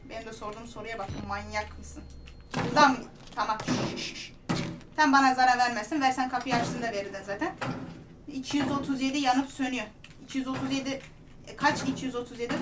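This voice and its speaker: This gaming streamer has a high voice with background noise around it, and she talks to herself through a horror game, gasping and pleading nervously. Loud game music plays over her, so she sounds distant.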